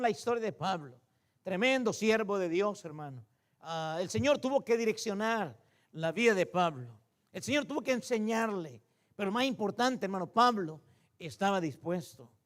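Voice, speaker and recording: A man in his fifties preaching a sermon in a church, who keeps calling the congregation "brother" and asks rhetorical questions. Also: sits high. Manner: repeats "hermano" often, asks rhetorical questions. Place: church sanctuary.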